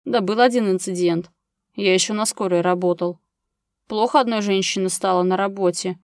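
A woman reading the part of a gruff, blunt grown man, a practical neighbor who talks in a curt, businesslike way, in a dry recording of an audiobook. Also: medium pitch, fairly even intonation, normal speed, darkish tone, no room sound, close to an everyday voice.

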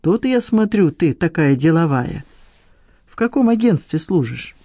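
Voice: mid-range voice, big pitch swings, normal speed, warm tone, no room sound, studio quality. A narrator voicing an aging hippie biker man who talks in casual, teasing, boastful banter.

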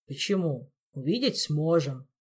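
A woman's voice: on the low side, lively intonation, moderate pace. A woman reading an audiobook, voicing a gloomy young prince who speaks bluntly and grumbles.

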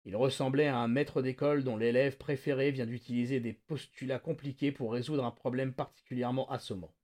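A man hosting a podcast, reading a novel aloud with lively, dramatic narration. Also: mid-range voice, brisk. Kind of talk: expressive read-aloud narration.

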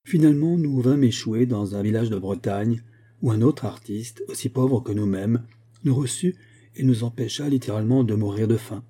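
Man reading a story aloud, calm and steady, super dark husky voice. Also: medium pitch, normal speed. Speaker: reader.

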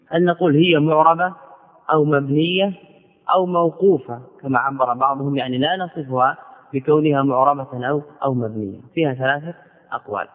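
A man teaching grammar as a sheikh, in a classical lecture style, who repeats key words slowly and asks and answers his own questions. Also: a little high. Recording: phone-like audio in a long-reverb hall.

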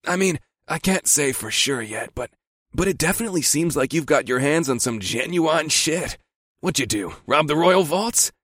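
A man's voice: on the high side, animated, normal speed, fairly bright tone, no echo, studio quality, voice pushed up. A man voicing a breezy, teasing young male friend who ribs and jokes. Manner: joking, ribbing, mock-innocent.

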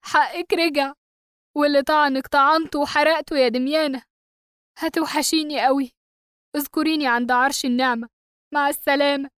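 A woman's voice: very high-pitched, flat delivery, quick pace, no room sound, clean studio sound, pitched above the performer's own voice. A woman voicing an emotional young man with an Egyptian accent in an audiobook. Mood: grieving. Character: grieving young man, then stunned and furious. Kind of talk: audiobook character reading.

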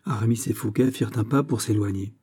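Male audiobook narrator, low pitch, dark, measured reading. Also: husky.

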